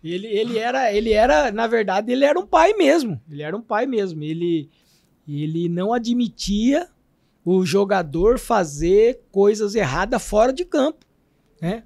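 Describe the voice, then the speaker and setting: Middle-aged Brazilian man, former pro footballer as guest; high, gravelly voice; animated storyteller. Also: moderate pace. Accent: Brazilian Portuguese. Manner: animated storyteller, acts out his coach's shouts. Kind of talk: casual interview storytelling.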